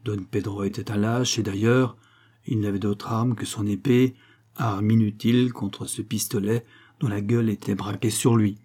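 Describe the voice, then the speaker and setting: A man reading a classic adventure novel aloud in a measured, dramatic narration. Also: lowish voice, steady tone, dark tone. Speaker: audiobook reader.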